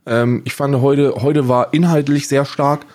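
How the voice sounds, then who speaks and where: A man's voice: mid-range voice, fairly even intonation, measured pace, darkish tone, no echo, clean studio sound. A podcast co-host talking in casual chat, emphatic and lecturing, often restarting his sentences.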